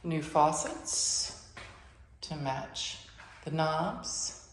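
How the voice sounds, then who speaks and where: A woman narrating an informal house walkthrough in a matter-of-fact way, listing items in short phrases with pauses. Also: low-pitched, lively intonation, slight background noise. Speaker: property renovation presenter. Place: inside a house, walking through rooms.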